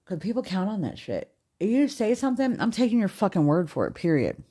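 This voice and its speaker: A woman's voice: mid-range voice, sing-song, brisk, warm tone, breathy edge. A woman with children ranting in a casual podcast monologue, blunt and heavy on profanity. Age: adult with children. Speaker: podcast host.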